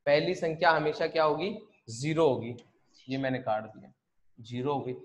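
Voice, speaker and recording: Man, math teacher, online class, slightly higher voice, repeats steps, asks and answers himself. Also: steady tone, moderate pace. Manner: repetitive, step-by-step explaining with rhetorical questions.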